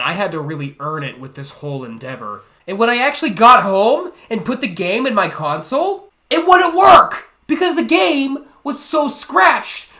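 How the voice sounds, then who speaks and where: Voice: medium pitch, a bit bright. A host telling a comedic rant story in a profane, sarcastic way. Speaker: commentary channel host. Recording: roomy echo.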